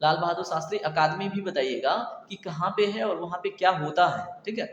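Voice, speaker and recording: A man's voice: high voice, fairly quick, reverberant, in a large hall, dull audio. A man teaching an exam prep lecture, asking questions and answering them himself, repeating key answers. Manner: repetitive quizzing, asks and answers himself.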